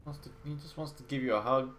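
A young gaming video host with a cold talks fast in a mid-range, fairly bright voice made nasal by a blocked nose. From a home room with wooden floors, he delivers casual, sarcastic commentary, cursing freely and breaking off mid-thought to restart.

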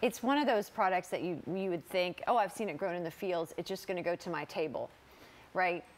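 Female morning-show host, 30s, slightly low-pitched, upbeat and chatty, studio lapel mic. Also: a little hiss or hum. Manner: upbeat, chatty, quick affirmations. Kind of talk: TV interview hosting. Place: TV studio set.

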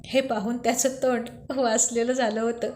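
A woman narrating a romantic story in an even, unhurried storybook style. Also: fairly high pitch. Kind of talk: storybook reading.

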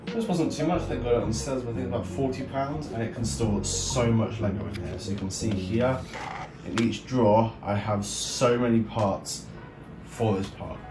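This man's voice sits at a medium pitch, and he talks at a moderate pace. He's a vlog host on YouTube showing off a hobby build, chatting loosely and unscripted as he thinks out loud beside it indoors. The room echoes, the mic is far off, and music plays in the background.

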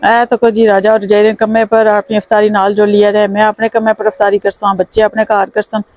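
A woman's voice: medium pitch, flat delivery, fast talker, darkish tone, faint music behind. A Pakistani woman chatting casually and expressively as she vlogs about her day in a homely way. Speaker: vlogger. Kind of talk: casual vlog chat. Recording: noisy phone vlog with vehicle sounds.

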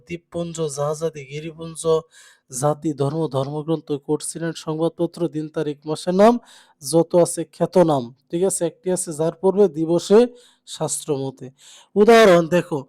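Tutor, grammar lecture, mid pitch, asks questions then answers them himself. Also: a little mellow. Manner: asks rhetorical questions and answers them, frequent check-ins. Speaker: teacher. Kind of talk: exam-prep grammar lecture.

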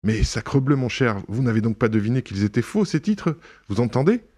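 A man doing a suave young gentleman burglar, proud and sharply ironic, his low, husky voice jumping higher when stung. It is an audiobook reading with theatrical bursts of indignation. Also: a little fast, natural voice. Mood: indignant. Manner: indignant outbursts, mocking irony.

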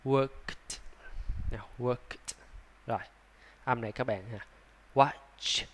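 A man with a Vietnamese accent teaching English pronunciation, sounding out words slowly, repeating them and adding chatty asides. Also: medium pitch, steady tone, slight background noise. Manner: breaks into soft laughs and chatty asides. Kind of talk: slow, drawn-out pronunciation lesson.

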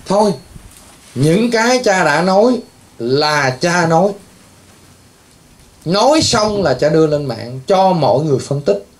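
High-voiced scolding priest. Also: male voice, expressive, a little slow, pauses often, slight background noise. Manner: scolding, rambling, exclaims often. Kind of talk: scolding talk to patients.

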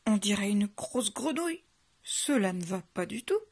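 A woman's voice: medium pitch, lively intonation, normal speed, darkish tone, breathy edge. Woman voicing a fussy big bad wolf. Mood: dismayed. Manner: fussy, exclaims in dismay.

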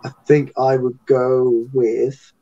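Man, interview guest, chatty, rambling storyteller, mellow voice, muffled lo-fi sound. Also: medium pitch, flat delivery, takes it slowly. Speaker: guest entertainer and actor. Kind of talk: casual interview chat.

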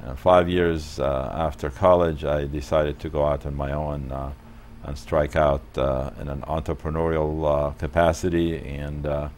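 A man in his sixties from Palestine, a guest in a studio interview, speaking in a measured way with many hesitations on a lapel mic. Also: extremely low pitch, little pitch movement, darkish tone, slight background noise. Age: 60s.

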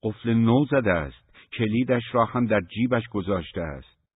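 A man's voice: lowish voice, animated, husky, dry recording, voice pushed up. A man voicing a resentful, touchy shopkeeper brother who talks indignantly and defensively. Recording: thin phone-like dry recording.

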